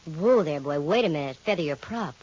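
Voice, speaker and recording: A woman's voice: low voice, lively intonation, a little fast, a little mellow. Wry American lady detective, vintage radio. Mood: firm, skeptical. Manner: wry, breezy, quippy. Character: sharp-witted, wisecracking woman private detective. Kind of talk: 1940s-50s radio detective acting, first-person narration. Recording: muffled vintage radio recording with music.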